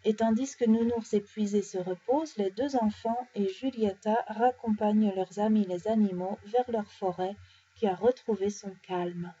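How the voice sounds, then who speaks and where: A French-speaking woman reading bedtime stories aloud, animated and changing her voice for each character. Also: medium pitch, normal speed, slightly rough. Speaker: storyteller. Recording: dull lo-fi recording.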